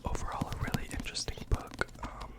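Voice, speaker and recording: A performer in a whispered role-play as a librarian, speaking in a deadpan, mock-earnest way with hesitant asides. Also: a little fast. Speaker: ASMR performer playing a librarian recommending books.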